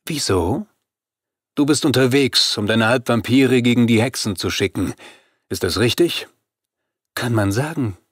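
A man voicing a scornful female vampire queen who speaks calmly and mockingly in an audiobook. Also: mid-range voice, a little slow, pauses often, no room sound, clean studio sound, natural voice.

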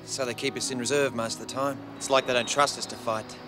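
An actor playing a rowdy young Australian soldier who talks in brash, slangy banter, with an Australian accent. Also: male voice, mid-range voice, fairly even intonation, fast, music in the background, natural voice. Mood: grumbling. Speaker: Australian mounted infantryman.

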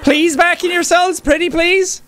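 A man playfully voicing a mock-bossy prison guard, shouting orders in a video game playthrough. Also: very high-pitched, steady tone, measured pace, voice pushed up. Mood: pleading bossy.

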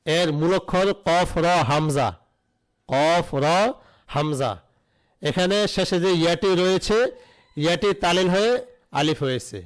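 A man's voice: a little high, rough recording. A man teaching an online Arabic grammar lesson, spelling out root letters and asking questions that he answers himself.

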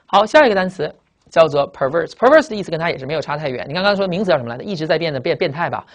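Brief: man, brisk vocabulary lecturer, repetitive, full of rhetorical questions. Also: on the high side, lively intonation, muffled recording. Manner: explains and repeats with many rhetorical questions and drawn-out "啊". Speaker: English vocabulary teacher. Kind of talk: classroom lecture.

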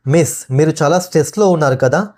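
Calm, dismissive male station master, placating tone, read by a male narrator in a fairly high voice. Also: quick pace, natural voice.

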